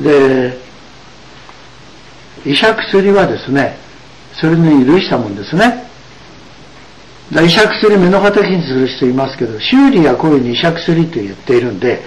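Male religious lecturer, animated intonation, emphatic and explanatory, faint room hum. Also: medium pitch, rough recording. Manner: emphatic, with frequent drawn-out asides. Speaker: religious teacher.

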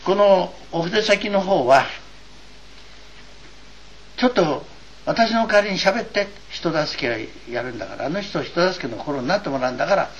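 A man's voice: high voice, lively intonation, moderate pace. An older man from eastern Japan gives an earnest, wry and digressive doctrinal lecture as a religious teacher. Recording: dull lo-fi recording with faint hiss.

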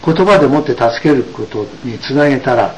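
A man giving an explanatory religious lecture, emphatic and full of drawn-out asides. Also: medium pitch, dull audio, slight background noise. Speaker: religious teacher.

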